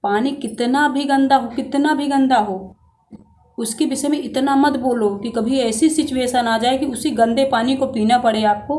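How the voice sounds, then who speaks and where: A woman's voice: fairly high pitch, a little mellow, a little hiss or hum. A woman vlogger talking straight to her viewers in a casual motivational talk, earnest and preachy, asking rhetorical questions as she gives advice, recorded on a phone. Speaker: vlogger giving life advice.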